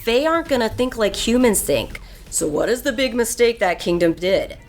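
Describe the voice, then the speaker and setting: A woman's voice: a little high, moderate pace, soft background music. A woman voice actor in a convention interview, speaking at length and acting out the lines she quotes. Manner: animated, talks at length with acted-out quotes.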